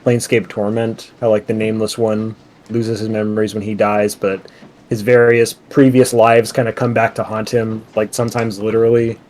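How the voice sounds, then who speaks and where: A man's voice: on the low side, level tone, normal speed, darkish tone. A man chatting casually among friends, hesitant and full of fillers. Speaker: friend in audience. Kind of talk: casual chat.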